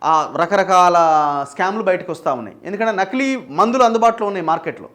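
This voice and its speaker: A man with a Telangana Telugu accent delivers news commentary with a raised, fairly high voice. He sounds urgent and critical, piling up lists of items and pressing sharp questions as a journalist hosting his own channel. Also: expressive, fast talker.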